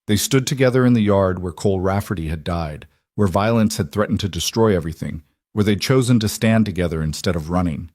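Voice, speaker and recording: Male narrator, measured western audiobook reading, low voice, dry close mic. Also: a little mellow, no room sound. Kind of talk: scripted narration.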